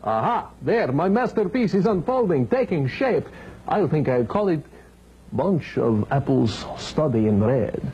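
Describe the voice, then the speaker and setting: A man's voice: a little high, very animated, a little slow, slightly rough, exaggerated voice. A man playing a pompous old vampire baron as a campy horror host, theatrical and mock-sinister, delivering puns. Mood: pompous, boastful. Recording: dull, hissy vintage 1970s TV tape.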